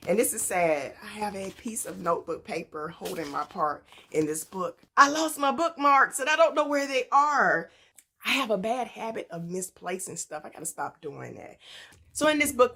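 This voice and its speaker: Her voice is mid-range and a bit bright as this book vlogger casually presents a book haul. She talks to viewers like friends, telling stories and posing rhetorical questions.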